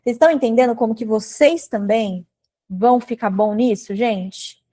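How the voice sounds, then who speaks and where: A woman from Brazil teaching English in a live online class, chatty and animated, speaking straight to her viewers. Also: on the high side, normal speed. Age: adult with a daughter.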